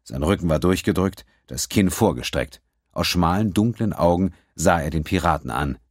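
Deep-voiced man narrating an audiobook. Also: dry recording, studio quality. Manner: steady, measured storytelling. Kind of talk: scripted narration.

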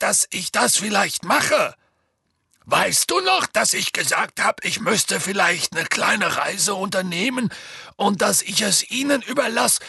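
A man voicing a huge, clumsy half-giant man who calls out loudly and strains his voice to coax and scold, in an audiobook. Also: deep voice, gravelly, slightly rough, no room sound, clean studio sound, full character voice. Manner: loud, strained calling out, pleading and scolding.

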